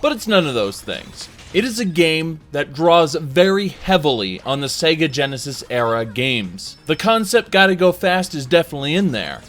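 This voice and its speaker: Over background music, a video game gets reviewed by a man whose voice is fairly high and a bit bright. His style is casual and chatty, punctuated by emphasis and dramatic pauses.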